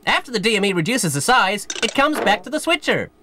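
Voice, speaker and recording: An actress playing an eager, cheeky young apprentice in scripted promotional dialogue. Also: female voice, medium pitch, big pitch swings, fairly quick, noisy background, close to an everyday voice. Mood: chirpy. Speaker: apprentice character in a promo video.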